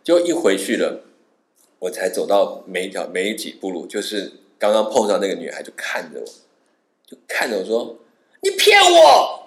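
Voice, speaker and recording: A man's voice: sits low, moderate pace. A man from Taiwan, telling a travel story in casual chat and acting out the people in it. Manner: animated, acts out the people in his stories with a raised voice. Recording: roomy reverberant sound.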